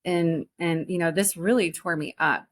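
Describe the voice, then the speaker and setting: Earnest woman in her forties, lower-pitched. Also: fairly even intonation. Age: 40s. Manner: earnest, halting, with many restarts. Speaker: guest, spiritual teacher. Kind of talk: personal story in a podcast interview.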